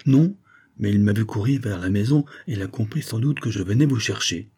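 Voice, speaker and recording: A sly scheming valet with a low, husky voice, as a male reader puts him on. He drops knowing half-hints and keeps his real thoughts to himself. The tone is dark and mellow. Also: a little fast. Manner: knowing, evasive.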